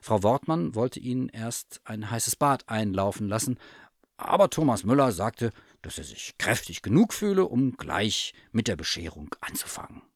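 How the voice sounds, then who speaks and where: A man narrating a children's story aloud in an animated reading voice. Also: fairly low pitch, normal speed, no room sound, studio quality.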